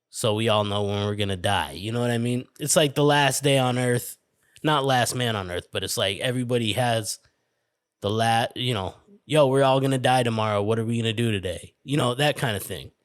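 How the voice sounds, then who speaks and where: A man's voice: medium pitch, no room sound, studio quality. Rambling, profane man on a podcast. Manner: rambling, profane, lots of fillers and restarts. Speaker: podcast host. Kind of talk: casual solo podcast rant. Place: indoor room with a window.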